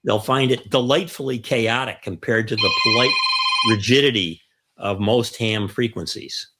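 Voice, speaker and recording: Heavy background noise surrounds a mature man of medium pitch speaking at a moderate pace. As co-host of a ham radio hobby show, he explains things conversationally, counting off a list of points and repeating key phrases to stress them.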